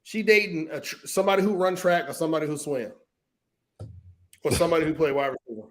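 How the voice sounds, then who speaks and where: High-voiced man, emphatic casual chat. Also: fast. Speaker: podcast co-host.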